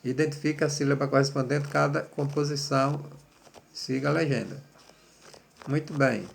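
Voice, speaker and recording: A man's voice: fairly high pitch, steady tone, normal speed, creaky, a little hiss or hum. Patient man teaching children. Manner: patient, encouraging, spells out syllables. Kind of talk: remote classroom lesson.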